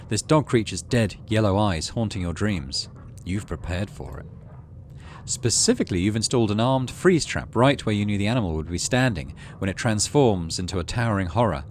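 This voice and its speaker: A man with a fairly low voice hosts a video game let's play, talking himself through it and reading the game's text aloud. Clear noise sits behind his voice.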